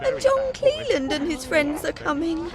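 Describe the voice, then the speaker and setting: Dithering, high-voiced eccentric. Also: female voice, very animated, a little slow, crowd noise, exaggerated voice. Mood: flustered. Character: flustered eccentric woman hunting for her lost wand.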